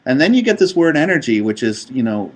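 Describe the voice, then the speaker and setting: A man walks an audience through a design talk, relaxed and unscripted, leaning on ums as he thinks. His pitch sits in an ordinary middle range. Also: a little fast. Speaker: brand design presenter. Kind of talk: conference presentation.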